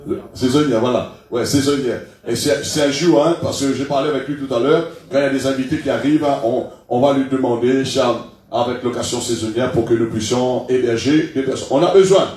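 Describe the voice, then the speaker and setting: Heard from a distance in a very echoey church hall, a middle-aged pastor with a cold delivers church announcements fairly quickly with few pauses. His mid-range, slightly mellow voice is chatty, sprinkled with "hein" and hesitant fillers as he leads the meeting.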